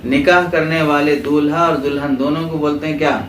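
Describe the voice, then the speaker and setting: A man's voice: a little high, steady tone, a bit bright. A man teaching a class in a religious school with an Urdu accent, explaining terms and asking his students questions, then repeating their answers. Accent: Pakistani Urdu. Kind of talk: classroom lecture with call-and-response questions. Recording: roomy echo, distant mic, clear background noise.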